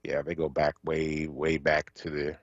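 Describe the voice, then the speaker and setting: A man from Philadelphia co-hosting a radio talk show, speaking casually with many fillers and pauses. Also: extremely low pitch, monotone, no echo, muffled recording. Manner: halting, many fillers, warm thanks. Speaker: radio co-host. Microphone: studio microphone.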